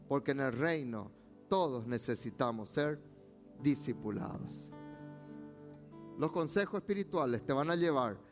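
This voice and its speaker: A man's voice: medium pitch, lively intonation, a little slow, long pauses, soft background music. A male pastor with a Rioplatense Spanish accent, preaching a sermon with rising emphasis and calls for amen.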